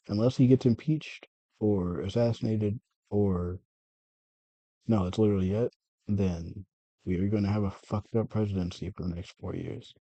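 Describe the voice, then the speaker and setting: A man with a low, very dark and husky voice rambles through a personal monologue, circling back and correcting himself as he goes. The sound is dry and close, with no room around it. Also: no room sound, dull audio. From United States. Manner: meandering, self-correcting, frequent swearing. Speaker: vlogger.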